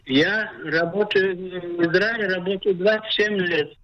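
An older man calling in to a radio show over a crackly phone line that keeps cutting out, talking haltingly and checking that he can be heard. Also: high-pitched, crowd noise. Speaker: caller. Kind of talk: radio call-in question. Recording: dull, breaking-up phone call.

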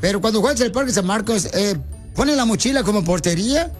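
A man's voice: sits high, lively intonation, fast, faint music behind. A man hosting a radio show, joking in slang while he runs a prank call.

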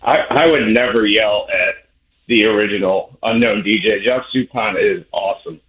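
A man's voice: on the low side, normal speed, narrow, tinny audio. A man calls in to a radio talk show. His voice comes through a speakerphone, so it sounds distant and boxy. He chats in a friendly, easygoing way. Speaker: caller. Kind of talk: casual chat.

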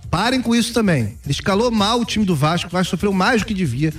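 A man's voice: high-pitched, expressive, fast, recorded from a distance, soft background music. A man commentating on football in a radio sports debate, blunt and emphatic.

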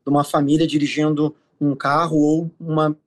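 A Rio de Janeiro city official with a Carioca Brazilian accent explains things in an interview, frequently pausing and repeating filler sounds while he hunts for words. His voice is fairly high with a level tone.

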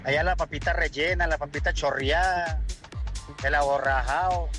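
Colombian male caller, high bright voice, teasing and slangy, music faint underneath. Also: fairly even intonation, normal speed. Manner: jokey, warmly teasing, uses slang. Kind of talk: phone-in chat.

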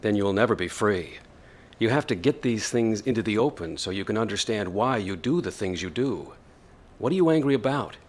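Calm male counselor, lowish voice, measured, firm, instructive radio drama delivery. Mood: firm, concerned.

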